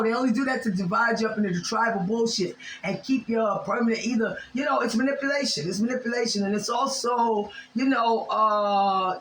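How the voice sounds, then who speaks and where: An American woman vlogger rants in a heated, profane monologue full of fillers. Her voice is medium-pitched, with slight background noise.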